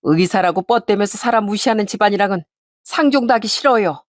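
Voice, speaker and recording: A woman voicing the groom's mother, a dignified farming woman who answers in firm, measured retorts. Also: medium pitch, dry recording, clean studio sound, natural voice.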